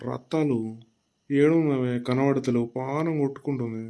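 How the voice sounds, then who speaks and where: A man voicing a lusty old village grandfather in a cartoon, speaking in a low, drawling way. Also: steady tone, normal speed, warm tone, lightly acted. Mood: scheming. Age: older. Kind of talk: cartoon voice acting.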